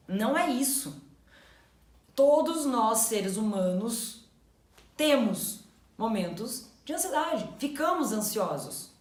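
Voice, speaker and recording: A woman co-hosting a casual explanatory chat, animated and acting out inner thoughts in quotes. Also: a little high, takes it slowly, pauses often. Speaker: co-host. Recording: echoey room.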